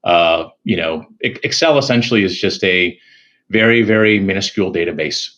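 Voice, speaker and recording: A man who is a security executive, a podcast guest, answering in a measured way and thinking aloud. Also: low voice, fairly bright tone. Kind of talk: casual interview answers.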